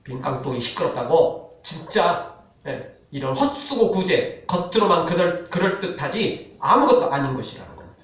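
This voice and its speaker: A male pastor preaching a sermon with animated delivery, dropping to a solemn tone for scripture. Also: fairly high pitch, moderate pace. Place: church sanctuary. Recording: echoey church hall, mic from a distance.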